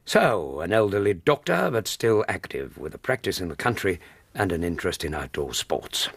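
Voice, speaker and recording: An actor playing an earnest, slightly huffy British doctor and detective's companion, with a husky, gravelly voice, in a radio drama. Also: male voice, deep voice, sing-song, normal speed, no room sound, full character voice. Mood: earnest deduction. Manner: reasoning aloud, wry, easily piqued. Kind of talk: naturalistic radio drama dialogue.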